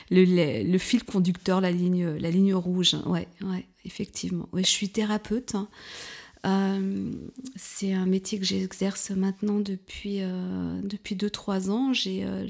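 A woman in her fifties from France, speaking as an interview guest in a hesitant way, with many fillers, restarts and soft, half-whispered stretches. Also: medium pitch, vocal fry. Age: 50s. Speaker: guest, couples therapist. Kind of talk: casual interview talk.

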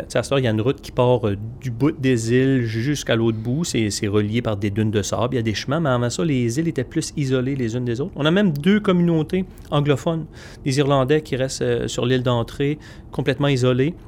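Male interview guest, Magdalen Islands French accent, relaxed storyteller, halting delivery, mid pitch. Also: slight background noise. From Magdalen Islands, Quebec. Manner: hesitant, with many fillers and restarts.

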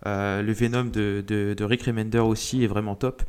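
A man on a casual panel chat, hesitant and filling pauses as he talks. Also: on the low side, little pitch movement, darkish tone, clean tone. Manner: hesitant, many fillers. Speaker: podcast panelist.

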